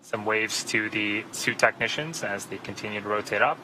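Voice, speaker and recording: Very bright-voiced male launch commentator. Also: on the low side, moderate pace, low-quality recording. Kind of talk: live explanatory commentary. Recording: faint background noise.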